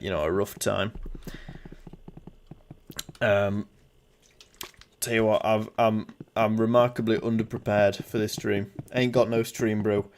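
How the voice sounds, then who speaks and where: A man's voice: medium pitch, creaky, a little hiss or hum. A twenty-year-old man hosting a casual gaming livestream through headset audio, upbeat and jokey as he reads out chat. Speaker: streamer.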